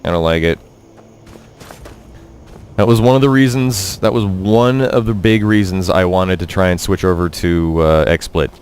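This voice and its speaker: A young man doing casual, halting, sardonic commentary as he live-streams a video game. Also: deep voice, fairly even intonation, darkish tone, slight background noise. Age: young adult.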